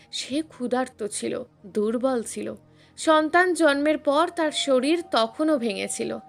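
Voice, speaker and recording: A woman storyteller reading a scripted first-person family drama in an earnest, emotional way. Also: fairly high pitch. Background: soft background music.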